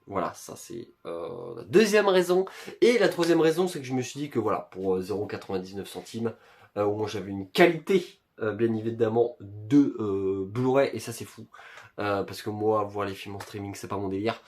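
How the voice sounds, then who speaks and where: A young man, chatting casually through an unboxing of his purchases, with plenty of fillers and joking slangy asides. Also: medium pitch. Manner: chatty, lots of fillers and self-corrections. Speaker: video creator showing his purchases.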